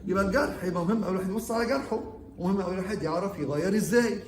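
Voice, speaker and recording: A man's voice: sits high, racing, echoey room, slight background noise. A man with an Egyptian Arabic accent, a surgeon giving an orientation lecture to medical interns. He quizzes the class and switches between Arabic and English medical terms.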